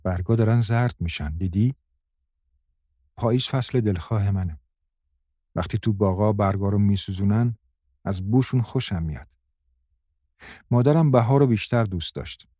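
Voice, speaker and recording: A man voicing a gentle, timid young woman who speaks softly and pleadingly in an audiobook. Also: fairly low pitch, pauses often, dry recording, clean studio sound, close to an everyday voice. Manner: soft, pleading.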